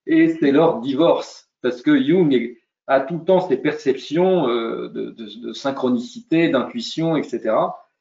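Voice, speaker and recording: A man speaking as a coaching guest on a webinar, slow and calm, retelling a film scene. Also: mid-range voice, vocal fry. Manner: slow, thoughtful, soothing. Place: video call. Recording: roomy, lo-fi call audio.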